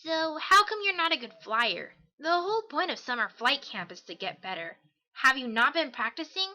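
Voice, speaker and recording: A woman gives a full character voice to a brash, confident young female pegasus pony in a fan audio drama, sounding cocky, casual and energetic. Her high-pitched voice moves at normal speed with an excited, proud mood, captured on a slightly dull microphone.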